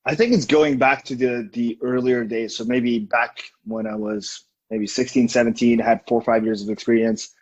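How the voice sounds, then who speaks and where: A young man from Estonia answers interview questions in a somewhat husky, breathy voice. He talks thoughtfully and hesitates as he works through his answers. The audio sounds dull and lo-fi. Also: medium pitch, fairly even intonation, moderate pace, a little mellow. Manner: thoughtful, hesitant with fillers and restarts. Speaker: guest, digital marketing director. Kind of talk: casual interview.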